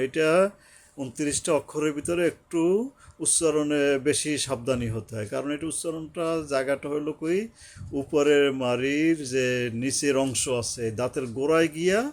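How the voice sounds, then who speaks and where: A man's voice: fairly high pitch, darkish tone. A man teaching Quran recitation, patiently repeating syllables and drawing out recited words to demonstrate. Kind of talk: recitation lesson with explanation.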